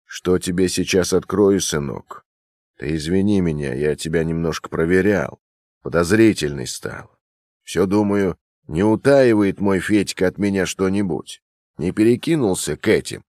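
A man's voice: low-pitched, normal speed, a little mellow, no echo, clean studio sound, natural voice. A man reading a Russian novel aloud, voicing an older male academician who is sly, suspicious and folksily fatherly. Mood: confiding. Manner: folksy, calls the listener son.

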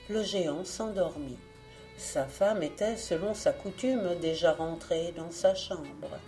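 A woman reading a fairy tale aloud for an audiobook, in slow, even storytelling narration. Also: fairly low pitch. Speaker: audiobook reader.

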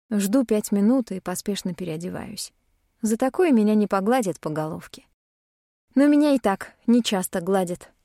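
A woman's voice: medium pitch, mellow, dry recording, studio quality. A young woman reading an audiobook in the first person, with a tearful, emotionally charged delivery. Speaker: audiobook narrator.

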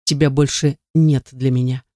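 A woman's voice: extremely low pitch, flat delivery, normal speed, warm tone, dry recording, clean studio sound. A woman voicing a jealous, brutal young man. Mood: furious, bitter. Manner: growling, hissing through anger.

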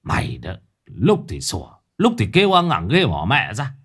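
A man doing a gruff, blunt village husband. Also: medium pitch, huge pitch swings, moderate pace, a bit bright, exaggerated voice. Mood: scolding. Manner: blunt, scolding.

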